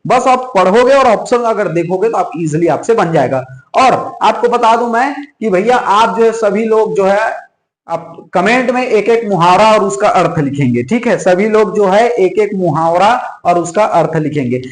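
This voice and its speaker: His voice sits high and he speaks at normal speed while leading an online exam-prep class, repetitively hammering key points and frequently checking in with a "theek hai." The audio is reverberant and poor.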